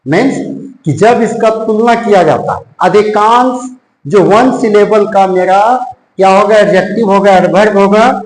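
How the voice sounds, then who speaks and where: A man from India teaching English grammar, mixing Hindi and English with a Hindi accent and slowly repeating his examples. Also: sits high, reverberant, low-quality recording. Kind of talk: classroom-style grammar lesson.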